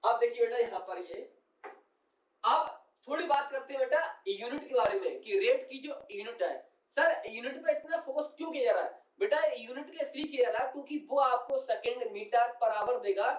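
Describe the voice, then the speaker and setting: A man's voice: very high voice, animated, normal speed. A man teaching chemistry to a class, explaining step by step, repeating key terms and often asking whether students have understood. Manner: keeps checking understanding and calls students "son". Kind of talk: classroom lecture. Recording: roomy, distant and dull-sounding.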